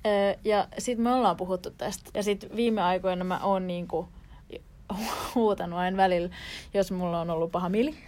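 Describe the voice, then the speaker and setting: A woman's voice: fairly low pitch, fairly even intonation, darkish tone. A young woman co-hosting a podcast, talking candidly and hesitantly in casual chat. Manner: hesitant, candid, self-conscious. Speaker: podcast co-host.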